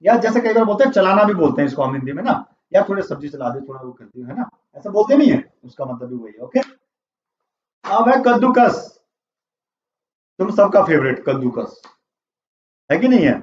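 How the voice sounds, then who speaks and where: A man's voice: high voice, big pitch swings, a little fast, pauses often, slight background noise. Man teaching vocabulary in a roomy classroom. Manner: quizzing and repeating answers. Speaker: English teacher. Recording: roomy, distant, dull classroom audio.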